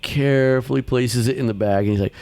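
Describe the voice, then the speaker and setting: A man's voice: a little fast, dry recording. A man hosting a casual talk about children's ministry, telling stories animatedly and acting out the people he quotes. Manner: animated storyteller, acts out quotes in higher voice. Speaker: podcast host, children's ministry. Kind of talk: casual chat.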